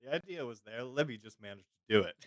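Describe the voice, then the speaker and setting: A man's voice: mid-range voice, lively intonation, fast, dry recording, studio quality. A man playing in a tabletop game, describing his character's actions in an easygoing, upbeat way. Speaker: player. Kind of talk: casual tabletop play.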